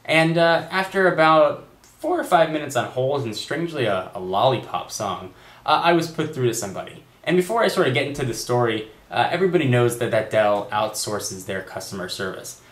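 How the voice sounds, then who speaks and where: Young adult male vlogger, exasperated storyteller, average pitch, echoey room sound. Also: lively intonation, a little fast. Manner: exasperated storytelling, quoting agents in raised voice. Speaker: tech vlogger. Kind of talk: direct-to-camera rant.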